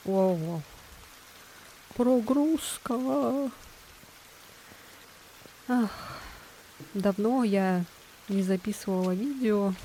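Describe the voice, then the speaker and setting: A woman streams a video game with casual, chatty commentary. She reacts with exclamations and giggles in a medium-pitched voice. Some noise sits behind her. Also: mellow, poor audio. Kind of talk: casual let's-play commentary.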